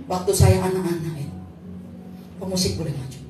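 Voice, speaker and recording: A woman preaching a sermon, animated and full of stories, at times breaking into shouts. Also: on the low side, brisk, noisy background. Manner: animated, storytelling, bursts into shouting. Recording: echoey hall, far from mic.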